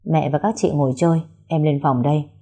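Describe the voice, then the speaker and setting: A woman voicing a desperate young woman held captive by her family, speaking in a hushed, pleading way. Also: low voice, fairly even intonation, a little fast, husky.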